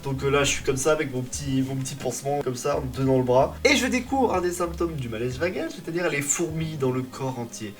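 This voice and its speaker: A man's voice: mid-range voice, sing-song, brisk, few pauses. A young man telling a personal story in a comic vlog style, dramatic, exaggerated and self-mocking. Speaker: vlogger.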